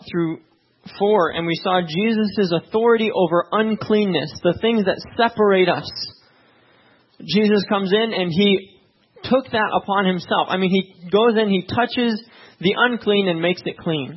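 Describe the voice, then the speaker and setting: A pastor raised in Tanzania starts with a soft, hushed prayer, then preaches conversationally, frequently checking in with "right?". His voice is high and husky, and the audio sounds dull.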